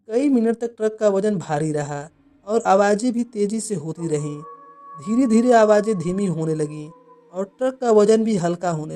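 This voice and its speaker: Horror story narration, mellow tone, measured, faint music behind. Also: mid-range voice.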